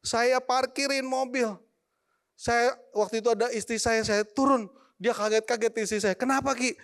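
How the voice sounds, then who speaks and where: Brief: man in his forties, church testimony, animated storyteller, speaks to the crowd directly. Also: extremely high pitch, moderate pace, clean tone.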